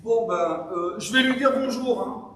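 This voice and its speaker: A performer playing a flustered grown son arriving home, hesitant and stumbling, in an amateur stage play. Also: male voice, sits high, measured pace, fairly bright tone. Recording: very echoey hall from far off.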